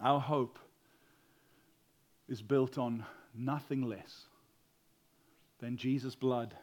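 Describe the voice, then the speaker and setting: A pastor with a loud, mid-range voice preaches with a steady tone, drawing out his words. He moves between whispers and loud exclaiming, and he stammers and repeats words frequently.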